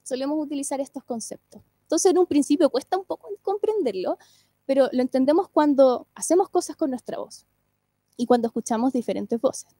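A woman, a singing teacher and speech therapist, giving an online lecture in a clear, explanatory way and often checking that listeners follow. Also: high-pitched, animated, fairly quick, warm tone, dry recording, clean studio sound.

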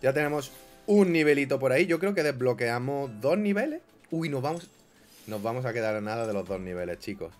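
A young man doing casual gameplay commentary, swinging grumbling mutters to excited yelps. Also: mid-range voice, fairly quick, faint music behind. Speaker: gaming YouTuber.

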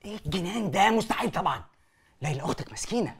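An actor playing a controlling wealthy father who hushes and commands his angry son. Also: high voice, animated, very fast. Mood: stern. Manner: commanding, hushing and scolding. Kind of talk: TV drama acting.

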